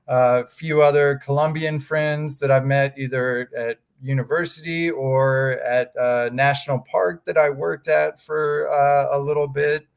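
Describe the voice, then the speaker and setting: A Texas man in his thirties, a staff member at a fraud examiners association, talks casually as a guest in an interview, with many fillers and restarts. His mid-range voice is steady, smooth, and creaky, a little slow yet with hardly any pauses.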